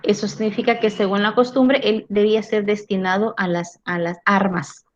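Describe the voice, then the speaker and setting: Lecturing on philosophy at a normal pace, this woman has a mid-range voice and a steady tone. She regularly checks in with tag questions and repeats words as she organizes her ideas, captured in a dull lo-fi recording.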